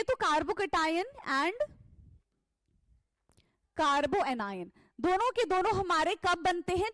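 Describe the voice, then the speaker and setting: Slow high-voiced woman chemistry teacher. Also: a bit bright, dry recording, poor audio. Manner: slow, explains step by step, asks and answers her own questions. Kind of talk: classroom lecture in Hinglish.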